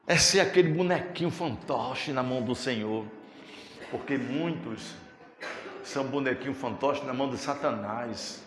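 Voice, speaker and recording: A man's voice: mid-range voice, unhurried, a bit bright, a little hiss or hum. A man preaching a sermon as pastor, with a Brazilian Portuguese accent, talking with swelling, impassioned fervor. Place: church sanctuary. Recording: echoey church hall with music.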